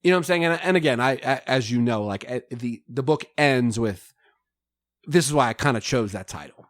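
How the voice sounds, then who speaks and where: A man's voice: medium pitch, animated, a little fast, dry recording. Man, podcast guest, rambling storyteller, lots of fillers, mid-range voice, dry close sound. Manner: rambling, filler-heavy storytelling with frequent laughs. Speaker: podcast guest, rapper and author. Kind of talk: casual conversation.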